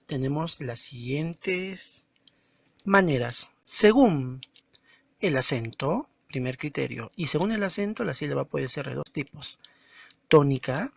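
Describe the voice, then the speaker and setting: A male teacher talks through a recorded lesson in a patient, didactic way, drawing out words and stressing each syllable. His voice sits a little high for a man. The sound is dry and close, with no room echo. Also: creaky.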